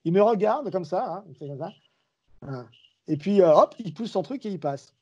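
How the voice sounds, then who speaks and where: A man's voice: high-pitched, moderate pace, husky, highs cut off. A man, a guest commentator, telling anecdotes in a casual podcast chat and acting out the dialogue as he goes. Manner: lively storyteller who acts out dialogue. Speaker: guest, sports and wrestling commentator.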